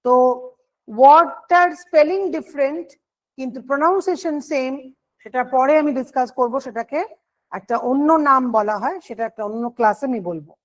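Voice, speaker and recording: A woman's voice: high voice, a little fast. A woman teaching an online grammar lesson for exam prep, explaining step by step and answering her own questions.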